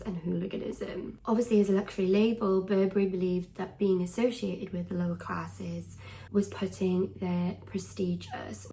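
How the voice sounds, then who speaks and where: A frank young Welsh woman, Welsh being her first language, gives casual talking-to-camera fashion commentary. Her medium-pitched voice has a gravelly fry, and she's conversational, sometimes dropping to a soft near-whisper. The audio quality is poor.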